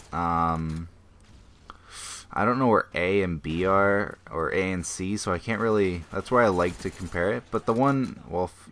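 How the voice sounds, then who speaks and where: Young guy with a really low voice chatting over his game footage, kinda rambly and sarcastic. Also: fairly bright tone. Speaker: gameplay commentator. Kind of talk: casual gameplay commentary.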